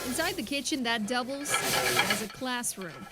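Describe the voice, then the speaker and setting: A woman reporter reading scripted news narration in a measured, emphatic way. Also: fairly high pitch, expressive, very noisy.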